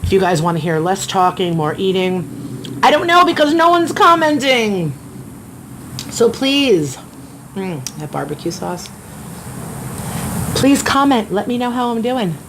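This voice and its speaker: A woman's voice: a little high, sing-song, unhurried, a bit bright. A middle-aged woman from Florida chatting casually while eating on camera outdoors at her home, rambling between bites. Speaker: mukbang vlogger. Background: faint outdoor ambience, construction noise.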